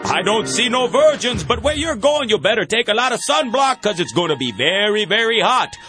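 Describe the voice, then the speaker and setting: A man's voice: high-pitched, sing-song, moderate pace, over music. A man playing a flamboyant, teasing phone psychic who hosts a call-in hotline in a comedy radio sketch. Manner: campy, teasing, mock-mystical.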